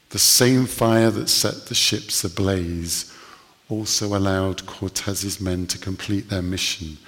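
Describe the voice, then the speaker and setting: A man preaching a sermon, telling stories earnestly with slow, emphatic pauses. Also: deep voice, fairly bright tone, big-room sound.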